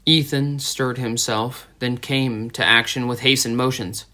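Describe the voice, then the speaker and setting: A man's voice: mid-range voice, steady tone, unhurried, sharp tone. Man narrating a dramatic audiobook. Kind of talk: scripted narration.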